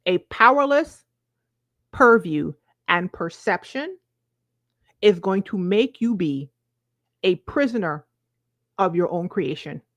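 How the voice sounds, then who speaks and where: A woman's voice: on the low side, animated, slow, pauses often, fairly bright tone, no room sound. A woman in her forties with a Virgin Islands accent, giving an emphatic, conversational motivational talk to viewers, often checking in with short questions. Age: 40s. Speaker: self-help coach.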